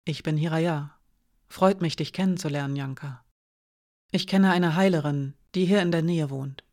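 A woman voicing a protective young woman who speaks quietly, slowly and firmly in an audiobook. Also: low-pitched. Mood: gentle. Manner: quiet, slow and firm.

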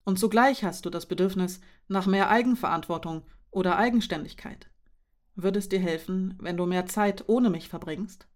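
A woman reading aloud voices a careful young man who speaks calmly and cautiously to his partner. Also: mid-range voice, moderate pace, close to an everyday voice. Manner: calm, cautious, soft-spoken.

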